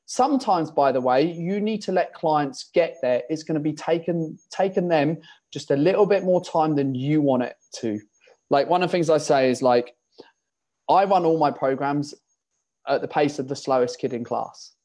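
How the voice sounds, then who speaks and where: A man with a voice pitched a little on the high side, talking as an online fitness coach. He tells animated stories, slips into his clients' voices to act out conversations, and swears freely while giving casual, frank advice. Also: moderate pace.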